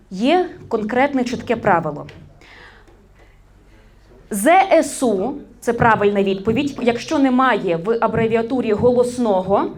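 A woman's voice: on the high side, a little mellow. A woman media trainer giving an interactive workshop on correct Ukrainian usage, quizzing her audience and correcting common mistakes, with a Ukrainian accent.

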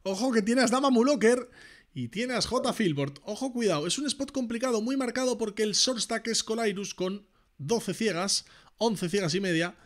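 Excitable male poker caster with a high, swooping voice. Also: moderate pace. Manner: excitable, bursts into shouts at big hands. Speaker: poker commentator. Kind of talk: live poker commentary.

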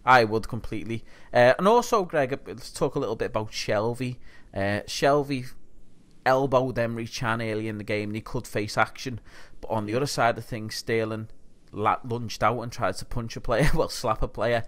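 Man, mid-pitched, casual podcast co-host who keeps asking his partner's view. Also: moderate pace, a bit bright. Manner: conversational, asks his co-host questions. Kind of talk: casual football chat.

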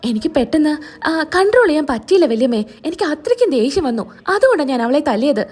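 Lady doing a snappy haughty young wife, high voice that jumps all over the place, sharp scornful comebacks. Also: sing-song, fast. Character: haughty defiant young wife, quick-tempered.

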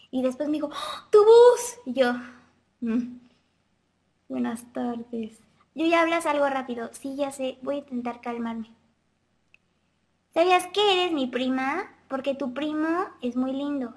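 Girl on a webcam stream, high little-girl voice, chatty, reading out comments. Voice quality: childlike girlish voice. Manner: chatty, girlish, reads out and answers viewer comments. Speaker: vlogger answering viewer questions live. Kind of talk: casual webcam live chat. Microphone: webcam mic.

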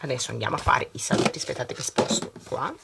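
A woman's voice: extremely low pitch, fast talker, creaky, heavy background noise. A middle-aged woman vlogger chatting casually while decorating her planner and opening a surprise bag, reading out long lists of greetings. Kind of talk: casual chat while unboxing.

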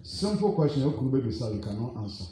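A man's voice: mid-range voice, very animated, quick pace, warm tone. A man preaching a sermon as pastor, hammering the congregation with rhetorical questions. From Ghana. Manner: preaching, rhetorical questions, mixing English and Twi. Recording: echoey church hall.

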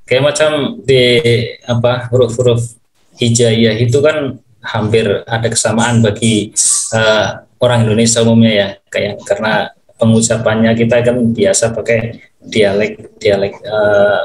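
A man's voice: on the low side, flat delivery, measured pace, a little hiss or hum, low-quality recording. A man hosting a conversational interview who explains things patiently, with frequent hesitant fillers.

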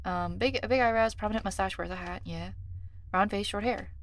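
A woman streamer who is a native Korean speaker chats casually over a game in a brisk, mid-range voice. She thinks aloud and mutters numbers and checks under her breath.

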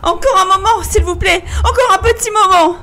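A woman's voice: a little high, a little slow, close to an everyday voice. A woman doing a sobbing, terrified young bride. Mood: desperate calling. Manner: crying, stammering pleas.

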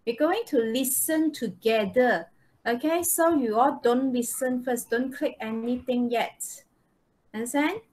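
Speaking at a measured pace, a woman with a Malaysian accent and a slightly high, darkish voice teaches an English lesson live online, explaining each step and checking that students understand. She's heard through a video call microphone on a noisy online call.

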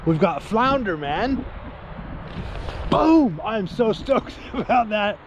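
A man's voice: high-pitched, takes it slowly, rough recording. A man in his forties, vlogging casually on an outdoor riverbank to an action camera, laid-back and saying "man" and "dude" a lot. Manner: laid-back, says "man" and "dude" a lot, excitable when he lands a fish. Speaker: angling vlogger. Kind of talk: casual fishing vlog. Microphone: action camera held close or set nearby. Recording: outdoor wind and ambient noise.

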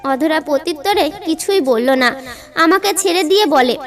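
A woman narrating a dramatic first-person story, getting emotional and rising high and loud when she voices the dialogue. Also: animated, normal speed.

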